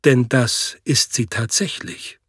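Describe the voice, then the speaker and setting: A man reads as a grave old priest in a storybook audio drama. The voice sits low and measured, slightly husky, with an unhurried, solemn weight. It is dry and close to the mic. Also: a bit bright, dry recording, heavily acted.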